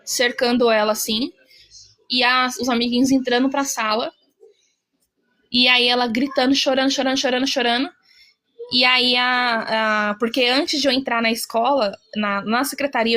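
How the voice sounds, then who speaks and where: Earnest Brazilian woman, higher voice. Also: fairly even intonation, normal speed, fairly bright tone. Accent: Brazilian Portuguese. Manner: earnest, recounts dialogue by quoting others. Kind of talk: personal storytelling.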